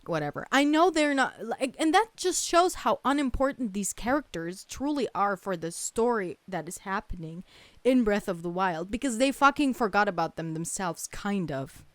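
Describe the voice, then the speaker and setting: A woman's voice: medium pitch, expressive, normal speed, no room sound. A woman ranting in casual chat, heated and sweary, with lots of fillers and restarts. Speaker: streamer.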